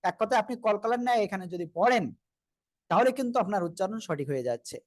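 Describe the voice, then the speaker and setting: A man leads an online Quran recitation class, patiently drilling pronunciation and calling on everyone to repeat together. His voice sits high, and the sound is close and dry with no room around it. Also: expressive, fast, no echo. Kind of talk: online group class teaching.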